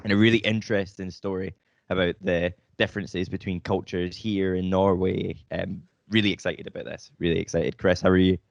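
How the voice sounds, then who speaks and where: A man's voice: deep voice, level tone, a little fast, vocal fry, dry recording. A man hosting a podcast, upbeat and loose, joking and swearing casually. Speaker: podcast host. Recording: dry, dull lo-fi podcast audio.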